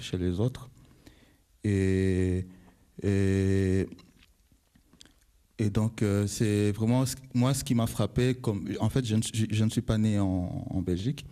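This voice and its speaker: A man's voice: on the low side, mellow. A young man from Congo talking as a radio guest, hesitant and full of fillers and restarts. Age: young adult. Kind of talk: radio panel discussion.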